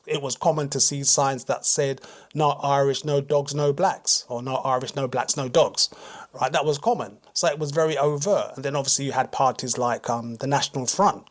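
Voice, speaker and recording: British guy on a radio talk show, mid voice, calm explainer type, says "you, you" a lot. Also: medium pitch. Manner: measured, explanatory, repeats words while thinking. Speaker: guest author. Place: radio studio.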